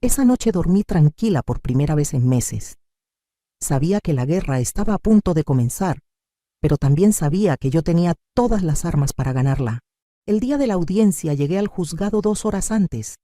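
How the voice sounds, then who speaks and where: An older woman narrating her own life story in the first person, with dramatic, expressive delivery. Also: on the low side, moderate pace, no echo, clean studio sound.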